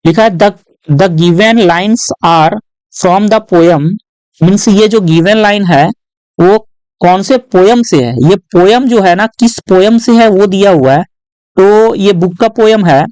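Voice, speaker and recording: A man tutoring students through exam questions in a patient, step-by-step way, often adding short tag questions and reading English lines aloud slowly. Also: sits high, darkish tone, clean tone, no room sound, rough recording. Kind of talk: exam-prep lesson walkthrough.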